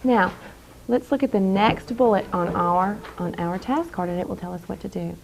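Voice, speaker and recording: A woman teaching young children in a classroom, speaking in a deliberate, carefully enunciated, instructive way and repeating key phrases. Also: medium pitch. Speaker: elementary school teacher. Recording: clear background noise in a classroom.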